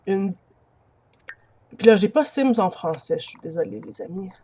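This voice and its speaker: Speaking at a normal pace with lively intonation, this woman has a warm, mid-range voice and a Quebec French accent. She's a gamer commenting casually on her play, laughing readily and treating viewers as friends, with a faint hiss or hum from her built-in computer mic.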